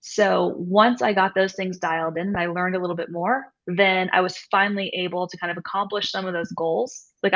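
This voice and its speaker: A woman in her thirties or forties, a nutrition coach appearing as a guest, answers interview questions conversationally, explaining as she goes and often tossing in "right?" and "you know". Her voice is fairly low and a bit bright. The audio is dull and lo-fi.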